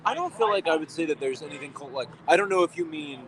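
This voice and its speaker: A man's voice: on the high side, expressive, fast talker, a bit bright, rough recording. A man live-streaming outdoors, answering his chat in a casual, hesitant way and often rephrasing himself. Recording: crowd noise behind. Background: crowd chatter.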